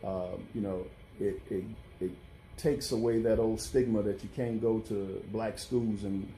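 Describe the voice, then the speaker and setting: A man answering interview questions as a football coach, speaking haltingly and rephrasing as he goes. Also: lowish voice, fairly even intonation, dark tone, slight background noise, poor audio. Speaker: college football head coach.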